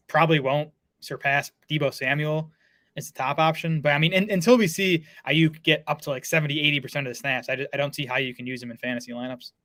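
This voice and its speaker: A man's voice: on the high side, a bit bright, no room sound. A man talking fantasy football in a casual podcast chat, full of fillers and restarts. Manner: fast, lots of filler words and restarts.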